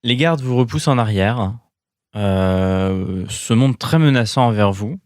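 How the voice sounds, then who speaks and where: A man's voice: lowish voice, animated, a little slow, darkish tone, dry recording. Man game master, dry close sound. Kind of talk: improvised tabletop game narration.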